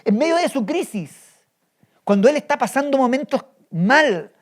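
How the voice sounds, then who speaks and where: A man's voice: very high voice, lively intonation, moderate pace. A male pastor preaching a sermon, telling a story with energy and often asking the congregation rhetorical questions. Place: church.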